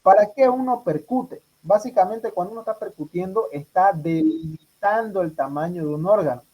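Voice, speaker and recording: A man's voice: sits high, moderate pace, warm tone, low-quality recording. A man tutoring medical students for an exam, quizzing them and repeating their answers back. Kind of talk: exam review class.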